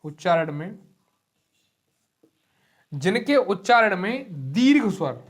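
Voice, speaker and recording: A man teaching a grammar class online, who explains slowly, repeats key terms and often checks in with his students. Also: high voice, sing-song. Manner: drags vowels out long to demonstrate them. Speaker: Hindi teacher. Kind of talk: online exam-prep lecture.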